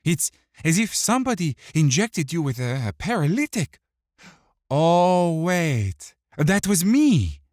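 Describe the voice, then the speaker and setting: A man's voice: on the high side, very animated, slow pace, a little mellow, no room sound, clean studio sound, voice pushed up. A man voicing a small, wiry male thief who taunts his captive in a mocking, sing-song way and hides a psychotic rage. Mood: gloating.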